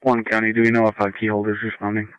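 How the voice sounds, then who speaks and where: A man on an emergency unit speaks in clipped radio codes, heard through a scanner radio. His voice is flat and smooth. The audio is dull and dry. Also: on the low side, racing, dry recording. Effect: scanner radio transmission. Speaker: emergency unit calling dispatch. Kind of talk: radio dispatch traffic.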